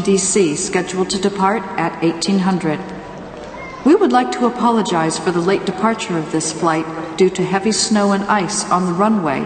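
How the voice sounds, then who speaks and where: A woman playing an airport flight announcer, reading a formal public-address announcement in a measured way and spelling out the numbers. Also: mid-range voice, slight background noise. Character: calm adult female airport flight announcer. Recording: echoey hall with long reverb.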